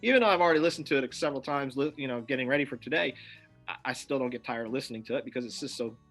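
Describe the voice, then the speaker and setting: A man's voice: mid-range voice, racing, fairly bright tone. A man co-hosting a music talk show, chatting casually and with enthusiasm. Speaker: podcast co-host. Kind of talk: casual chat.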